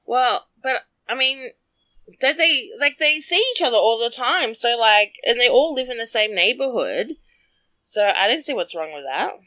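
A woman's voice: fairly high pitch, animated, normal speed, sharp tone. A woman chatting casually about celebrity gossip, bluntly, with lots of "like" fillers.

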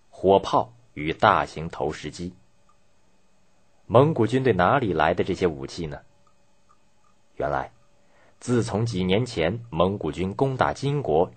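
A man narrating history in a scripted documentary style, telling it as a measured, dramatic story. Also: low-pitched, breathy edge.

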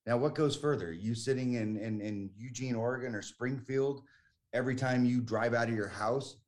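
A man's voice: medium pitch, normal speed, a little mellow. A man in his forties from the United States, talking as a guest in a casual conversation, chatty and emphatic with frequent restarts. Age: 40s.

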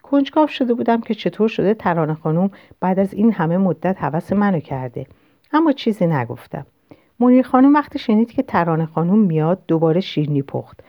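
Low-voiced woman narrating a novel. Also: no echo. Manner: calm, reflective first-person reading. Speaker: audiobook narrator. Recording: dull lo-fi recording.

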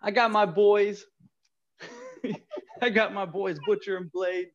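A loud, brash wrestler with a put-on New York accent, as a man puts him on, blustering through a tough-guy promo. The voice sits fairly high and carries dull, lo-fi sound. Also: fairly even intonation, slow pace, a little hiss or hum.

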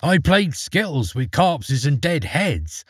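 A man's voice: a little high, big pitch swings, takes it slowly, slightly rough, no echo, clean studio sound, full character voice. Fearless young Eric, as a man reads him. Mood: cheerful. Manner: plain, cheery and unbothered. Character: fearless cheerful young peasant boy. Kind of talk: storybook character voice.

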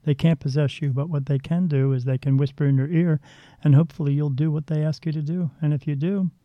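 In a relaxed storytelling interview, a man working as a psychic medium speaks bluntly, wanders and keeps restarting. His voice is on the high side with a steady tone and quick pace, on a dull, lo-fi, dry recording.

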